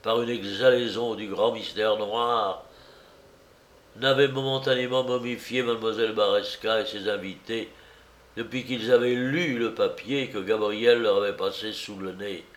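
A man reading a novel aloud as narrator, with slow, dramatic storytelling. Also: lowish voice, steady tone. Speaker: audiobook reader. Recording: roomy echo.

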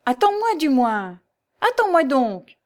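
A woman's voice: a little high, sing-song, moderate pace, darkish tone. A woman voicing a sneering old crone mother. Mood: angry. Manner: sneering, scolding, grumbling.

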